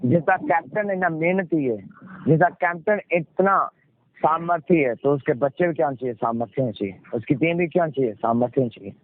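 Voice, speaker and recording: Brisk and fairly high-pitched, a Punjabi-accented pastor urges on his congregation in a sermon full of repeated phrases and questions he answers himself, call-and-response style. The conference call sound is muffled and noisy.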